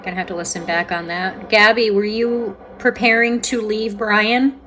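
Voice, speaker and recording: A woman with a mid-pitched voice hosts a paranormal session in a casual, conversational way. She comments as she goes, asks questions aloud and pauses to listen. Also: steady tone, bright, forceful tone, soft background music. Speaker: host of a paranormal spirit box session.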